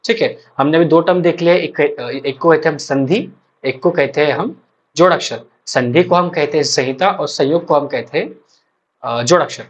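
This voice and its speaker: A young man, teaching an exam-prep lecture and repeating points slowly with frequent check-ins. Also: a little high. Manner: explains slowly with many repetitions and check-ins. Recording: dull lo-fi recording.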